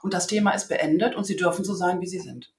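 A woman's voice: fairly low pitch, quick pace, roomy sound. A woman, a communication trainer, talking casually and self-assuredly in an interview, acting out little dialogues from her anecdotes.

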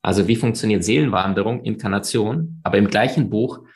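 Gravelly low-voiced man, emphatic. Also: fairly quick. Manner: expansive, emphatic, rambling with many fillers. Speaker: interview guest, author. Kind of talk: conversational interview.

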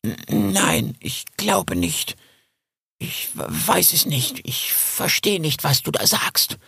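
Storybook salamander, old and timid: very gravelly, breathy, slow and halting. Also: male voice, fairly high pitch, big pitch swings, bright, forceful tone, dry recording, studio quality, pitched above the performer's own voice, full character voice. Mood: nervous. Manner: slow, stammering, partly whispered.

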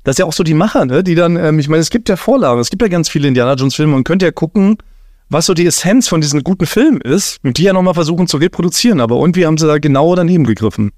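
High-voiced teasing man, dry sound. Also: a little mellow, dry recording. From Berlin. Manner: playful, laughing, teasing. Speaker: podcast host. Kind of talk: casual comedy chat.

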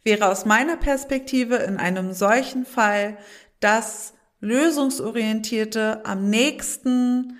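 A woman's voice: a little high, takes it slowly. A woman speaking as a guest in a podcast interview, explaining thoughtfully and sometimes acting out soothing phrases. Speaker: guest, childhood educator and resilience trainer.

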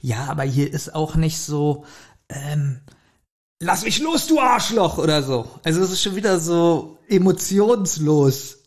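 Co-hosting a podcast, a man retells a story and gives his critique in a casual conversational review. His fairly high voice is animated and a little mellow, and he speaks a little slowly.

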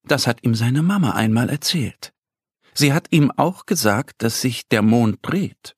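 A man narrating a children's story in a gentle, lively storytelling voice. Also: mid-range voice, a little slow, slightly rough, dry recording, clean studio sound.

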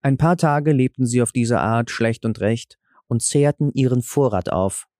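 A man narrating a fairy tale audiobook in a calm, measured storytelling manner. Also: mid-range voice, no echo, studio quality.

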